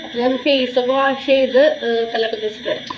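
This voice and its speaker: A woman's voice: a little high, fairly even intonation, fast, highs cut off, slight background noise. A young woman vlogging in a casual, chatty way with a Thrissur Malayalam accent, her voice a little worn after a fever, speaking into a phone camera set down nearby. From Kerala, India. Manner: chatty, ends sentences with tag words. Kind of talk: casual vlog narration. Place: home work area, then temple grounds.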